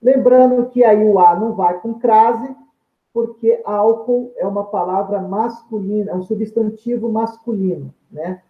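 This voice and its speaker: A man's voice: high voice, a little slow. A man, a grammar teacher giving a video lecture, explaining step by step and answering his own questions. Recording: tinny phone-like sound in an echoey room.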